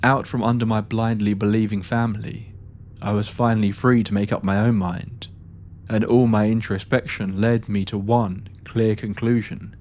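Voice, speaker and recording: A man narrating a first-person ghost story in a steady, measured reading style. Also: on the low side, a little hiss or hum.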